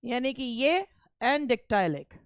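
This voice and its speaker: A woman's voice: on the high side, big pitch swings, very slow, smooth, no room sound, studio quality. A woman teacher giving an online exam-prep lesson, explaining step by step and stretching words to show their stress.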